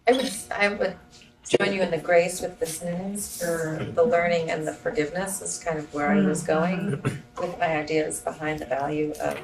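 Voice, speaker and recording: Gravelly woman rambling at a meeting. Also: sits low, a little hiss or hum, low-quality recording. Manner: rambling, searches for words. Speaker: board member. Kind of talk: meeting discussion. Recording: murmuring group behind.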